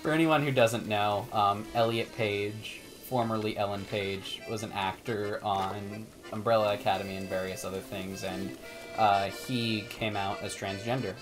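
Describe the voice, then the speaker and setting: A man's voice: lowish voice, steady tone, measured pace, music in the background. A man co-hosting a casual gameplay chat, joking around and giggling at his own bits. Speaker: co-host.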